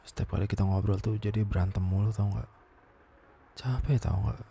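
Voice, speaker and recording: A young man plays a weary, wounded boyfriend in a whispered role-play. The voice sits low, with a dark, gravelly texture, and often sinks into a soft whisper. A faint ambient hiss runs underneath. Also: fairly even intonation, normal speed. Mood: frustrated. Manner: tired, exasperated, soft and low. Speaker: ASMR voice performer.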